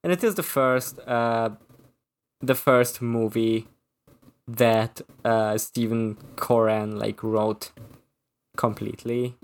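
Halting man reviewing a movie. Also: mid-range voice, fairly even intonation. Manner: halting, full of fillers and restarts. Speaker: podcast co-host. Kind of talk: casual movie review chat.

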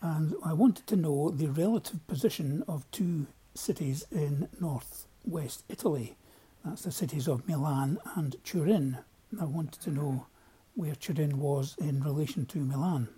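Husky man with a broad Scottish accent. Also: on the high side, measured pace, few pauses, mellow. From Scotland. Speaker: listener sending in a voice memo. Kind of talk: casual spoken voice memo, telling anecdotes. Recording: home voice memo.

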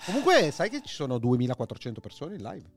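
A man is talking casually on a livestream. His voice is fairly high and very animated in pitch, and he presses his point insistently, repeating phrases. Faint music plays behind him. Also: fast talker. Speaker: live streamer.

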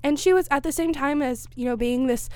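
A woman's voice: sits high, brisk, dark tone, dry recording. A young woman co-hosting a podcast in casual chat, talking on and on with lots of "like" and "you know.". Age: young adult. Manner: chatty, full of "like" and "you know". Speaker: co-host. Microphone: studio microphone.

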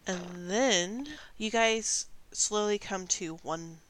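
A woman's voice: medium pitch, takes it slowly, fairly bright tone, low-quality recording. A woman game master narrating a tabletop role-playing game.

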